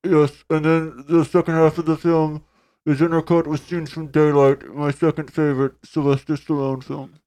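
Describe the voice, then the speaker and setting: Deadpan man echoing like in a tunnel. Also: fairly high pitch, moderate pace. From Canada. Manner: deadpan, stiff, oddly formal delivery. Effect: echoing, as if talking in a tunnel. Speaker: podcast guest. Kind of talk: comedic podcast banter.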